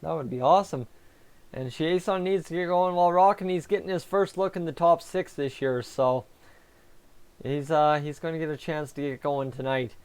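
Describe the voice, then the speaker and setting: A man's voice: on the high side, clean tone. A man hosting a live hockey fan reaction stream, chatting casually and answering viewers while talking with a sore, raw tongue. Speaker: fan livestream host.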